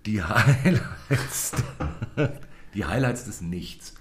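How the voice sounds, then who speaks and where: A man in casual chat who pauses often and restarts his sentences. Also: fairly low pitch, animated. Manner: hesitant, many fillers and restarts.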